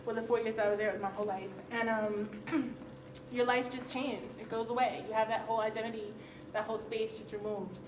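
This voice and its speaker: A woman's voice: on the high side, steady tone, fairly quick. A woman speaking frankly and conversationally on a conference panel, often laughing as she talks. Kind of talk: candid personal talk at a roundtable. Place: conference session room. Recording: roomy, distant, faint hiss.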